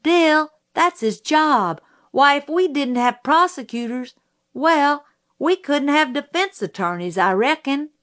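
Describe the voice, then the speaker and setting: A woman voicing a spirited, matter-of-fact young tomboy girl, in a higher, eager voice. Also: animated, takes it slowly, a bit bright, exaggerated voice.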